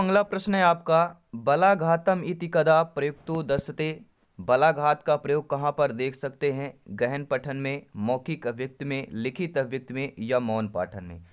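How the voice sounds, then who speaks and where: Man teaching, smooth clear voice. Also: a little high. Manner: reads Sanskrit options, then explains them in Hindi; addresses the viewers as friends and quizzes them. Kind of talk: exam-prep lesson.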